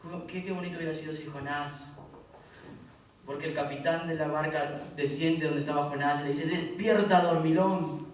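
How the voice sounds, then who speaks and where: A man preaching a sermon, reading scripture in loud emphatic bursts and dropping low for quieter asides. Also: level tone, a little fast. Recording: echoey hall from far off, faint noise.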